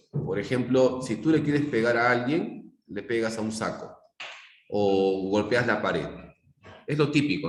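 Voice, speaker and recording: A middle-aged Peruvian man, his voice on the low side, gives a live online psychology lecture in Peruvian Spanish, explaining with everyday examples and checking often that students keep up. There's slight background noise and the room is echoey.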